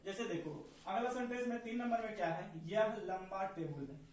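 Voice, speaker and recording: A man's voice: high voice, expressive, brisk. Man teaching, echoey far room. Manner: asks questions often and repeats them. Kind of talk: classroom lesson with call-and-response. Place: classroom.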